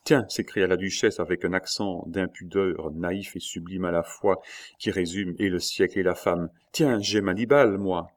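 A man reading a novel aloud in a measured, dramatic narration. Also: low voice, little pitch movement. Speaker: audiobook reader. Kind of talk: scripted narration.

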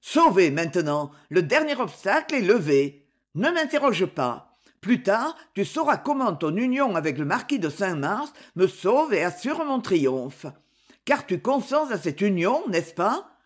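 A woman playing a proud, ambitious old duke in a storybook reading, his speech grave and forceful. The delivery is slow and deliberate, with a very lively melody that swings widely. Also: mid-range voice. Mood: relieved. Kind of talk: audiobook reading.

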